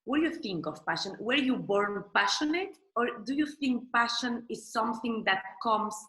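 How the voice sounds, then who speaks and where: A woman's voice: a little high, lively intonation, normal speed, fairly bright tone, reverberant, rough recording. A woman interviewing a guest, asking short, simple questions and giving brief encouraging replies.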